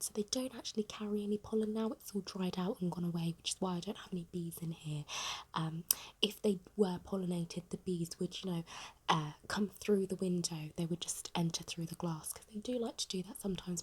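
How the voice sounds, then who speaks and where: British woman, whispered role-play, fast aggressive ASMR, very breathy, close mic, rambling, rapid repeated phrases. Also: mid-range voice. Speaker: ASMR creator. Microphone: very close microphone.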